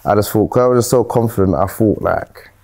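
A man in his thirties with a South London accent talks in a relaxed podcast chat. His voice sits fairly low, and he tells his story in an easy, joking way, full of slang. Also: quick pace, gravelly. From South London, England. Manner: laid-back, jokey storytelling with slang. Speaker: fitness coach and brand co-founder. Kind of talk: casual podcast interview. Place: bright studio lounge set.

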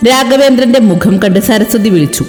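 A woman narrating a dramatic story in an expressive reading style. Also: a little high, a little fast. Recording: echoey reverberant room with music.

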